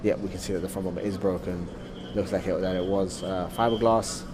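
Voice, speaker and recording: Lowish-voiced male motorsport commentator. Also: steady tone, brisk. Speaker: commentator and drift driver. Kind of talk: live motorsport play-by-play commentary with casual chat. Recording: clear outdoor vehicle noise. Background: cars and outdoor ambience.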